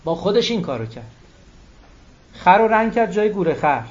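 A man's voice: high-pitched, sing-song, darkish tone. A man giving a religious sermon, emphatic, repeating key phrases and quoting Arabic texts. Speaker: cleric. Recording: dull lo-fi recording.

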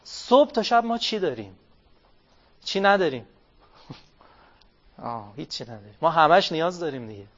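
A man giving an interactive religious talk, asking his listeners questions, answering them himself and drawing out key phrases slowly. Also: on the high side. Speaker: religious speaker. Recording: dull lo-fi recording.

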